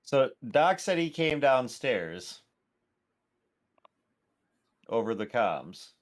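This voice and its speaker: A man playing in a tabletop game, calmly explaining his character's moves. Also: mid-range voice, drawn-out words. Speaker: player. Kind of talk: casual tabletop play.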